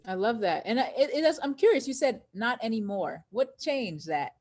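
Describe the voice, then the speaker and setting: A woman's voice: fairly high pitch, lively intonation, normal speed, darkish tone. Upbeat woman hosting a live stream. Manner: upbeat, addresses viewers directly. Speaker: host.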